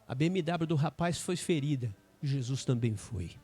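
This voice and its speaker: A man with a Brazilian Portuguese accent, a pastor telling a story in a sermon with emphatic, dramatic pauses. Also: mid-range voice, expressive, warm tone, slightly rough.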